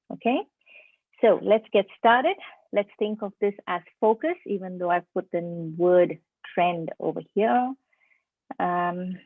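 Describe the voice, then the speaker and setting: A middle-aged woman from India, a preschool teacher trainer, gives a friendly online presentation to teachers and often checks in with her listeners. Her medium-pitched voice carries vocal fry and a mixed Indian and Indonesian accent. The dry, phone-like audio comes from a video call, with no echo.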